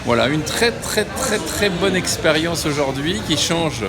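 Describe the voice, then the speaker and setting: A man from France vlogs casually to the camera, in a fairly high voice. He addresses his viewers as he narrates the family trip, with loud music running behind him. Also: animated, unhurried. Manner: vlogger presenting, addressing viewers. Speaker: family travel vlogger.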